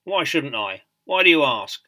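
A man's voice: fairly high pitch, sing-song, normal speed, bright, forceful tone, full character voice. A man voicing a strict, dignified male army staff sergeant who speaks in a clipped, formal way.

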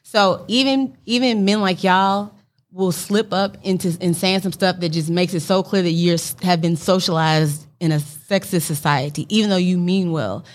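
Lowish-voiced, frank St. Louis woman. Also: fairly even intonation, normal speed. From St. Louis, United States. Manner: frank, slangy. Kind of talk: casual conversational opinion.

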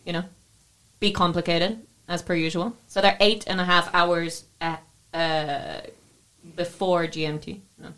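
With a low, steady, somewhat bright voice and a measured pace, a young woman co-hosts a podcast. The chat is loose and tipsy, with light swearing and easy laughter.

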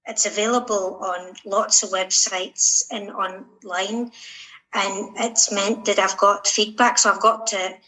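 Female writer as interview guest, Shetland Scottish. Bright, clear-cut tone, hesitant conversational delivery. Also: medium pitch, steady tone, slow pace, poor audio. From Shetland, Scotland.

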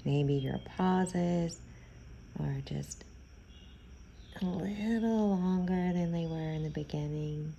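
A woman leads a meditation very slowly and gently, pausing between phrases in soothing, unhurried instruction. Her voice is on the low side, soft-edged and mellow with a noticeable creak. The lo-fi recording carries a little hiss or hum.

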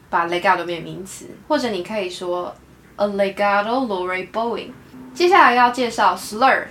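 A Taiwanese Mandarin-accented woman teaches in a clear, explanatory way, dropping into English for sample phrases. Her voice sits at a middle pitch for a woman. A faint hum of noise sits behind the recording. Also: fairly bright tone. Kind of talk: podcast lesson explaining music terms.

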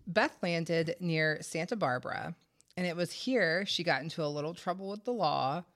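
A woman's voice: fairly low pitch, normal speed, a bit bright. A woman hosting a true-crime podcast, telling the story conversationally with wry, sarcastic asides, congested and short of breath from a head cold. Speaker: podcast host.

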